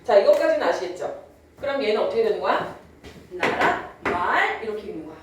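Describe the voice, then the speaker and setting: A woman's voice: medium pitch, very animated, very fast, distant mic, heavy background noise. Chatty woman teacher in an echoey room. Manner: chatty, checks in with students often; drawls out words when demonstrating old pronunciation. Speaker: Korean language teacher. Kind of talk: classroom lecture. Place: classroom.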